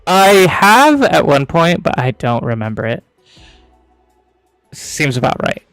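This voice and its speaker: A man's voice: on the high side, big pitch swings, takes it slowly, a bit bright, clear, resonant tone, no room sound, soft background music. A man co-hosting a casual book review show, chatty, laughing often and tripping over hard words. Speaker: podcast co-host.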